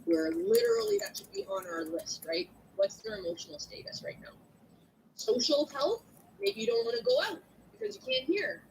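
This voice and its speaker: A woman lecturing a class in an animated way, acting out little scenes with clients. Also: very high voice, normal speed, gravelly, slight background noise, poor audio. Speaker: instructor.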